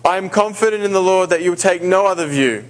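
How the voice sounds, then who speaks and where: With a voice that sits high and a quick pace, a visiting preacher from Australia gives a sermon in a church sanctuary via a handheld or stand mic. He is hesitant and full of fillers and restarts, then reads scripture aloud.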